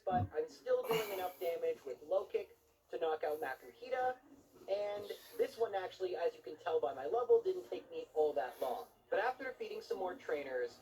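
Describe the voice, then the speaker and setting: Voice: mid-range voice, mellow, poor audio. A narrator giving scripted video game commentary in an explanatory, conversational way.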